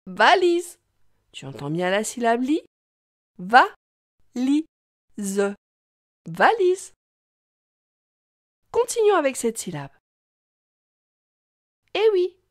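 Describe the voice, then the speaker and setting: Woman, children's reading teacher; slightly high voice, exaggerated and slow, dry studio sound. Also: a little mellow, no room sound. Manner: slow, sing-song, exaggerated for young kids.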